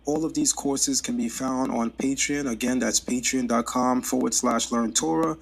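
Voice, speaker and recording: Husky guy pitching his courses, brisk and pushy. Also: fairly even intonation. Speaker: host promoting online courses. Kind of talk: promo announcement.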